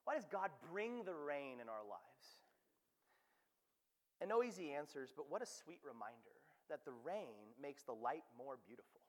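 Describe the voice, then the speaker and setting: A man preaching a sermon, with animated, conversational delivery and playful asides. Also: a little high, normal speed. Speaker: pastor. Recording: long hall reverb.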